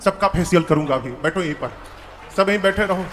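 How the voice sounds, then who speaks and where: A man voicing a stern, mighty male monkey god in a devotional story sermon, giving firm orders in a hushed voice. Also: sits high, brisk, a little hiss or hum, pitched below the performer's own voice.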